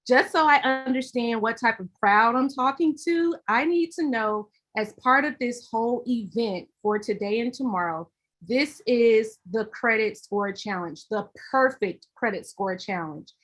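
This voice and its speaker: A woman's voice: a little high, measured pace, a bit bright. A young Southern woman from Alabama hosting a livestream workshop, chatty and upbeat as she greets viewers. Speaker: host of a credit workshop livestream.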